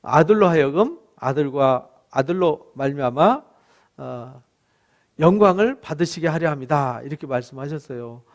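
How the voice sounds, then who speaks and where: A middle-aged man preaching a Bible exposition sermon as pastor. He pleads in a conversational tone, fills pauses with "eo," and acts out God's voice with rising emphasis. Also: fairly high pitch, expressive.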